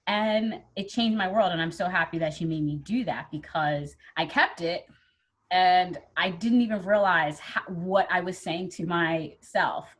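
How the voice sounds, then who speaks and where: Woman, podcast host, husky voice, lowish pitch, reflective and agreeing. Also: measured pace. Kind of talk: casual interview conversation.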